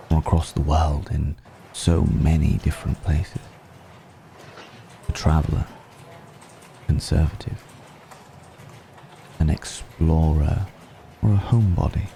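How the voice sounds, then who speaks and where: In an intimate ASMR roleplay, a man plays a suave, ancient aristocratic vampire, musing slowly and deliberately with long pauses. His very deep, gravelly voice has a warm tone and is heavily acted, and there is a slight hiss or hum.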